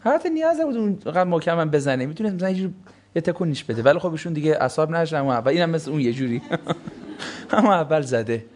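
High-voiced man preaching with biting sarcasm. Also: expressive. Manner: sarcastic, acts out quoted excuses in mocking voices. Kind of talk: religious lecture.

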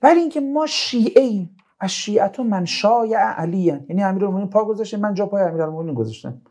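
A man's voice: high voice, expressive, a little mellow. A man giving an informal religious talk full of stories, chatting and joking with his listeners in between. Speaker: religious speaker.

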